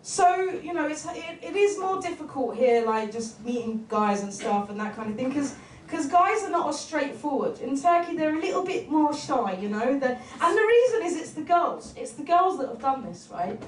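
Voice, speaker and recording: A woman's voice: high-pitched, very animated, normal speed, slight background noise. A young woman performing stand-up comedy, telling stories animatedly, acting out voices and laughing often. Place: comedy stage. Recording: roomy venue sound from a distance.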